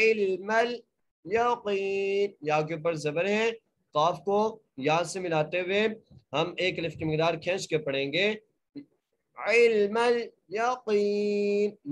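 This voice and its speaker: High-voiced Quran teacher, slow chanting. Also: male voice. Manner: explains letter rules plainly, then chants each word slowly and drawn out; polite, asks students to mute. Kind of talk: online Quran tajweed lesson. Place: online class.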